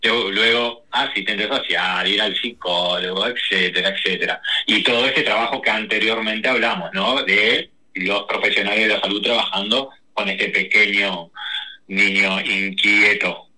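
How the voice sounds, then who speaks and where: A man, a guest telling personal stories in a lively, slangy way with many restarts. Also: lowish voice, rough recording. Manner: animated, rushes through stories with slang and restarts. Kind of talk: casual personal storytelling.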